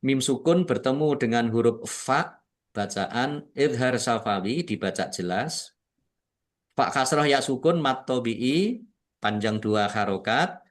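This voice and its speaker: A man's voice: medium pitch, lively intonation, takes it slowly. A man from Indonesia teaching Quran recitation rules, patiently explaining each rule and drawing out the words he recites. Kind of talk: tajwid lesson with slow recitation.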